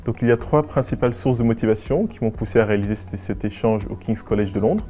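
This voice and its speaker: A nineteen-year-old man from West and Central Africa, a business school student giving formal, measured and articulate interview answers. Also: fairly low pitch, music in the background. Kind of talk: prepared interview answers to camera.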